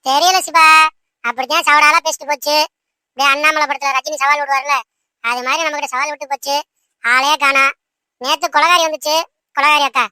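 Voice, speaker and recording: A woman voicing a protective mother in a cartoon who talks back in brisk, snappy retorts. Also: high-pitched, fairly even intonation, sharp tone, no echo.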